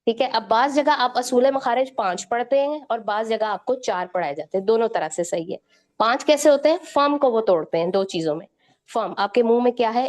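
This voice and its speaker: A woman gives a patient recitation lesson. Her voice sits a little high. She keeps asking her students questions and checks in with them after each point. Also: darkish tone. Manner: repeats "theek hai" to check understanding, quizzes listeners with questions. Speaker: Quran recitation teacher.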